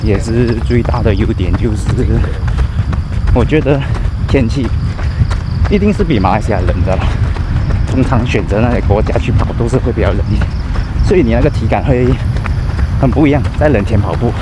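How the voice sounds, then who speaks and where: A man's voice: medium pitch, lively intonation, fairly quick. Malaysian man chatting while running outdoors. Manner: talking while running at an easy pace; code-switches with English words. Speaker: running vlogger. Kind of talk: casual chat while running. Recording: outdoor street noise, passing vehicles.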